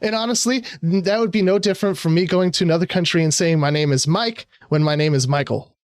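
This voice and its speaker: A man's voice: high voice, a little fast, dry recording. A man hosting a podcast, chatting casually in a laid-back way and swearing bluntly. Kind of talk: casual chat.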